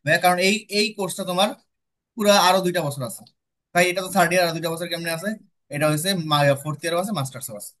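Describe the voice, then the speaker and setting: A man's voice: fairly high pitch, racing, sharp tone. A young man with a Bangladeshi accent tutoring students, explaining step by step and checking in with them often. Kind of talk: classroom lecture with student questions.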